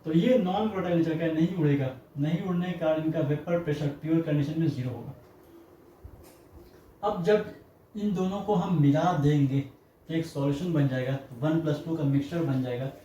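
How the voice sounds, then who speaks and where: A man gives a chemistry lecture in a warm, slightly raised voice. He works through each point with rhetorical questions and homely examples. The sound is very roomy and distant, with faint noise under it. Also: fairly high pitch, normal speed, highs cut off. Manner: explains step by step with rhetorical questions and everyday examples. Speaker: chemistry teacher. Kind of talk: classroom lecture.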